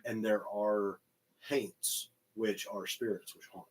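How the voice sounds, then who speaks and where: A man's voice: fairly low pitch, fairly even intonation, takes it slowly, breathy edge, poor audio. A man from Oklahoma, co-hosting a livestream and explaining word origins as if reading from notes. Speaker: paranormal livestream co-host. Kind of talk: casual livestream chat.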